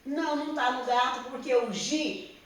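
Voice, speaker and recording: Brazilian schoolteacher, woman, patient and repetitive, slightly high voice, distant echoey classroom sound. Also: moderate pace. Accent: Brazilian Portuguese. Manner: patient, repeats and checks understanding with "tá?". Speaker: teacher. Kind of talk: slow classroom explanation to young pupils. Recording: roomy echo, speaker somewhat off-mic.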